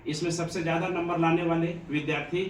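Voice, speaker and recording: A man from Bihar gives an earnest, preachy pep talk to students, in a fairly high voice. He is recorded from a distance in an echoey room with a faint ambient hiss behind him. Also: flat delivery, fast talker. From Bihar, India. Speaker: coaching institute teacher. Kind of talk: motivational address to students.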